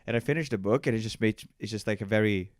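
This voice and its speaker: A young adult man, a comedian co-hosting a podcast, telling stories in animated casual banter with frequent laughs. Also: fairly low pitch, fast talker, no echo, studio quality.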